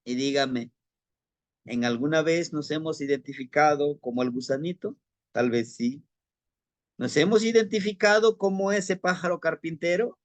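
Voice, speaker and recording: A man telling an oral fable with a moral, often adding tag questions and addressing listeners warmly. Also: on the high side, moderate pace, no echo. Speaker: storyteller.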